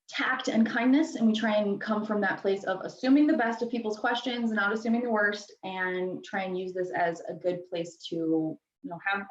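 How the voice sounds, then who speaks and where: A woman moderating a webinar, speaking in a calm, measured, reassuring way. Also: mid-range voice. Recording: dull, roomy, distant mic.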